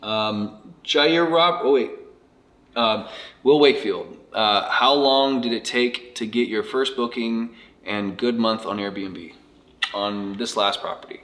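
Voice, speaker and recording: Casual, quick-talking man interviewer. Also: on the low side, a bit bright. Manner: quick, loose, reads viewer questions aloud. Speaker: interviewer and channel host.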